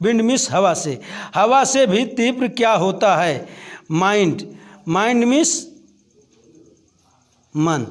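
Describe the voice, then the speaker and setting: Male teacher, high voice, unhurried word-by-word glossing for school pupils. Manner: slow, deliberate word-by-word glossing. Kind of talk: word-by-word translation lesson.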